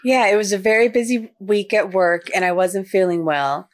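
A woman co-hosting a podcast in casual chat, relaxed and agreeable, often laughing along. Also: medium pitch, normal speed. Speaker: podcast co-host.

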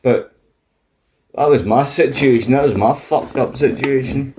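Speaking at a measured pace in a darkish, medium-pitched voice, a man with a broad Scottish accent trades casual talk and animated stories, his language coarse, colloquial and full of swearing.

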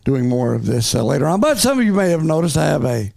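A man hosting a talk show, folksy and drawn out with many pauses. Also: on the high side, very animated, creaky, darkish tone, no echo. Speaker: host. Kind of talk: casual talk show chat.

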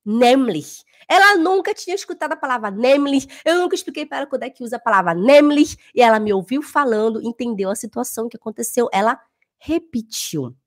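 A woman who teaches German speaks casually to her viewers in a high voice. She is emphatic and drives points home by repeating phrases. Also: lively intonation, fairly quick. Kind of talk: casual talk to camera.

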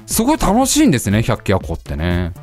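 A man's voice: fairly low pitch, wildly swooping pitch, fast, darkish tone, soft background music. A man hosting a live stream, chatting casually, reading out viewer answers and laughing often as he muses aloud.

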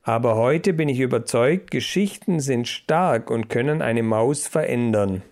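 A man's voice: medium pitch, measured pace, a little mellow, close to an everyday voice. A man voicing a sly, scheming male mouse adviser who speaks earnestly. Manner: earnest, muttering.

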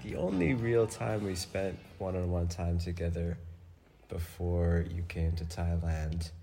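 A man's voice: low-pitched, gravelly, mellow. A man from New York hosting a podcast, talking in a loose, rambling way with lots of fillers. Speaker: podcast host. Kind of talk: casual podcast conversation.

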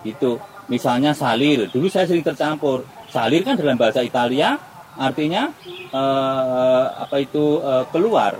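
A middle-aged man from Java with a Javanese accent, a guest interpreter speaking in an emphatic, animated casual interview. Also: medium pitch, normal speed, slight background noise, low-quality recording. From Java, Indonesia.

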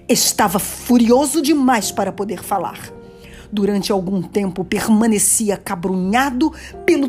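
Slow expressive woman storyteller. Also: mid-range voice. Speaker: narrator. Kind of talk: dramatic reading of a romance novel.

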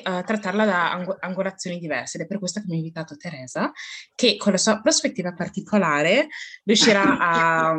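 A woman's voice: fairly low pitch, fairly bright tone. A woman co-hosting a podcast in casual chat, with a playful, teasing manner. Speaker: podcast co-host.

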